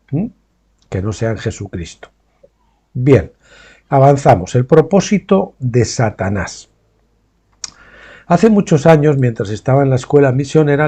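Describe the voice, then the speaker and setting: A man's voice: medium pitch, mellow, husky. A man reading a Bible study aloud, breaking off with his own asides and questioning tags to check that listeners follow. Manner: pauses to explain names and terms in his own words. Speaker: Bible teacher.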